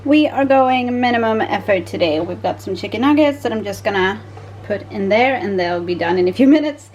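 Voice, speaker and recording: This family vlogger, a woman in her thirties from Sweden whose native tongue is Swedish, chats casually at home indoors into a handheld camera at arm's length, laughing frequently. Her mid-range voice is animated, a little fast, and darkish, with a little hiss or hum in the sound.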